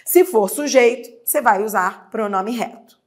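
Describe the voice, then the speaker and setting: A woman teacher with a Brazilian Portuguese accent, giving a grammar lesson and asking and answering her own questions. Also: on the high side. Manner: patient, drawn-out explanations, asks and answers her own questions. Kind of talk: exam-prep grammar lesson.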